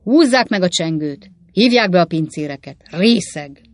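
A woman voicing a hot-tempered old country gentleman who blusters and shouts. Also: on the low side, animated, no echo. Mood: furious. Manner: loud, shouting. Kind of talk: audiobook character voice.

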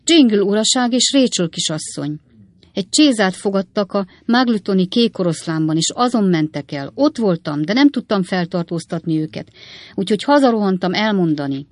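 A woman voicing an out-of-breath young male servant lad reporting in a hurried, weak voice in a storybook reading. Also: mid-range voice, animated, no room sound, pitched above the performer's own voice, lightly acted. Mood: urgent.

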